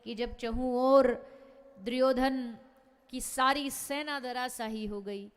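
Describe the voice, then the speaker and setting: A woman's voice: sits high, steady tone, takes it slowly. A woman scripture storyteller giving a devotional sermon, telling the stories in a dramatic, emphatic way. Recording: reverberant hall, faint music behind.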